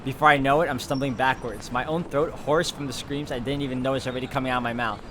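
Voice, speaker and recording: Reading the story text of a visual novel aloud, this man adds commentary of his own as game music runs underneath. He speaks quickly at a medium pitch with fairly even intonation, and there's background noise.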